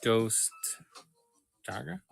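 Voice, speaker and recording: A man's voice: on the low side, lively intonation, drawn-out words, gravelly, breathy edge, faint music behind. A man hosting a live toy sale stream, chatting casually with viewers, joking and laughing often.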